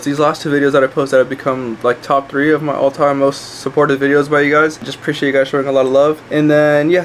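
A man's voice: medium pitch, slight background noise. A young adult man chatting casually to camera like a gym bro, with slangy, sweary talk, as a fitness vlogger. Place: small indoor rooms at home, bedroom and kitchen.

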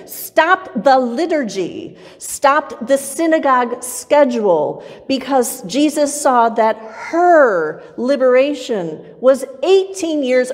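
Woman pastor preaching slow, rhythmic repeats, echoey church sanctuary. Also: high-pitched. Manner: measured, rhythmic preaching with repetition. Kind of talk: sermon. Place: church sanctuary with pipe organ, far camera. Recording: long church reverb.

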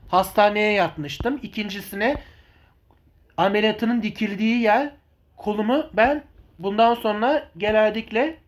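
A man giving informal vlog commentary on his videos in a rambling, repetitive, halting way. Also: sits high. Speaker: video channel host.

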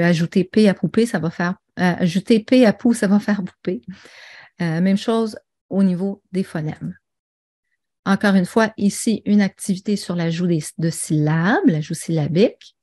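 A woman with a low, darkish voice leads an online teaching webinar. She speaks conversationally, with many fillers and restarted sentences.

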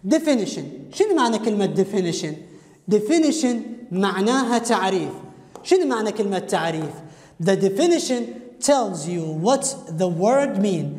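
With an Iraqi Arabic accent, a woman gives a classroom English grammar lesson, posing questions and answering them herself and explaining each English phrase in Arabic. Her mid-range voice is animated yet unhurried and a little mellow, in an echoey room with long reverb.

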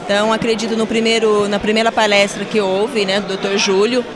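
A woman councilor answering an interview in a council chamber, earnest and deliberate, into a held mic. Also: mid-range voice, flat delivery. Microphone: handheld mic held by interviewer. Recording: crowd chatter behind.

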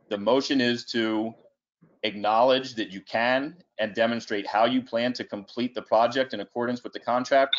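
Lowish-voiced man, dull call audio. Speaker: city commissioner. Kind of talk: formal meeting remarks.

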